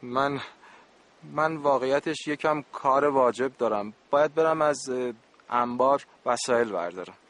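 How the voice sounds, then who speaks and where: A man's voice: mid-range voice, fairly bright tone, lightly acted. Man playing a joking, exasperated camp supervisor. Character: good-natured adult camp supervisor. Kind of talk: radio play acting.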